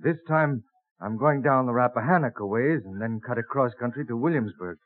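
An actor playing John Bartram, a polite, amiable travelling botanist of colonial times, in an old-time radio drama. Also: male voice, medium pitch, fairly quick, natural voice. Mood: courtly, admiring. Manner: courtly, amiable. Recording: muffled old radio broadcast.

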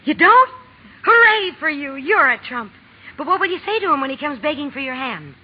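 An actress in a 1940s radio drama playing a blunt, spirited young tomboy who wants to write, with an emphatic, plain-spoken way. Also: female voice, sits high, sing-song, brisk. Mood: gleeful. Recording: old lo-fi radio recording, music behind.

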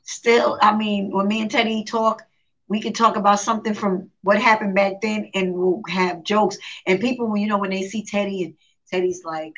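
A woman's voice: medium pitch, normal speed. A woman singer as the guest in a casual interview, telling stories, acting out quotes and laughing often. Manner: lively storyteller who acts out quotes and laughs often. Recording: dull lo-fi live stream audio.

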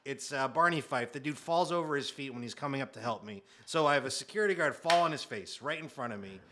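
A man in his thirties telling a comic story in a casual chat, animated and acting out quotes, with muttered asides. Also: mid-range voice, quick pace, noisy background. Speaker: guest storyteller.

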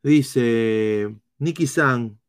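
A man with a Peruvian accent doing live football analysis, reading chat comments in a blunt, swearing style with halting restarts. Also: mid-range voice, smooth. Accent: Peruvian Spanish. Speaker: football streamer.

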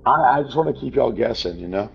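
A man co-hosting a casual sports podcast, hoarse and raspy from a cold, with laid-back short reactions. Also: mid-range voice, expressive, fast, darkish tone. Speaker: podcast co-host. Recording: muffled lo-fi sound with faint music.

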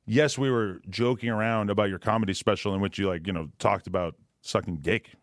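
A man's voice: fairly low pitch, brisk, no echo, studio quality. A man hosting a podcast, talking in long rambling, emphatic stretches. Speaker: podcast host. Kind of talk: casual chat.

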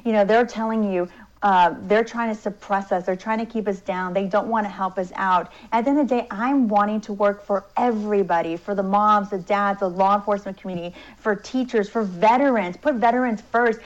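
Fast-talking woman candidate on a dull line. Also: mid-range voice. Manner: repetitive talking points, fast bursts. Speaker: congressional candidate, guest. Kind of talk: political interview answers. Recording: dull lo-fi remote audio.

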